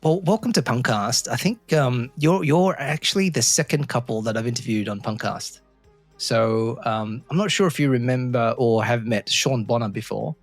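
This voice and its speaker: A man's voice: mid-range voice, normal speed, soft background music. A man hosting a podcast, interviewing a guest in casual talk and often hesitating with fillers and restarts. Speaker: podcast host.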